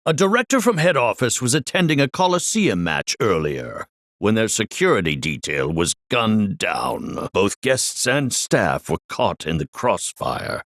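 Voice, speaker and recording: A man's voice: fairly low pitch, fairly bright tone, no echo, studio quality, exaggerated voice. An actor playing a flamboyant, vain, muscle-bound amusement park director in a video game, with a grandiose showman's manner and formal, flowery diction. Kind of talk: theatrical video game voice acting.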